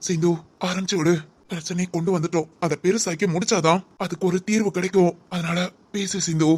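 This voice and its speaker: A woman voicing a calm older brother, speaking slowly and firmly in a drama. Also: on the low side, husky, pitched below the performer's own voice. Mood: urging.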